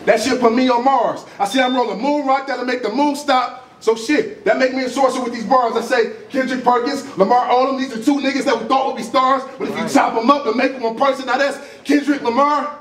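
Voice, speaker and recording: Male battle rapper, young adult, very high pitch, aggressive boastful a cappella bars, picked up from a distance in a busy room. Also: brisk, few pauses. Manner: confrontational, boastful, repeats lines for emphasis; projected, animated delivery while pacing and gesturing. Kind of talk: a cappella battle rap performance. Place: small crowded indoor room. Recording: echoey room, distant camera mic, crowd reacting.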